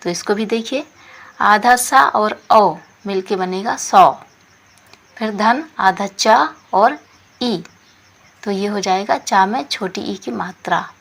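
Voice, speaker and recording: A woman gives a slow, unhurried lesson. She says each word, then patiently explains what it means, at a middle pitch. Her steady, measured delivery suits a classroom walkthrough. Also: gravelly. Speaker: teacher.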